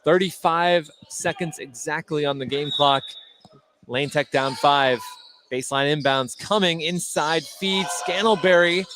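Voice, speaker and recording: The announcer is a man with a fairly high voice, delivering unhurried live radio play-by-play from a basketball game. Short, clipped calls rise on the big plays, and gym noise fills the background of this clearly noisy broadcast.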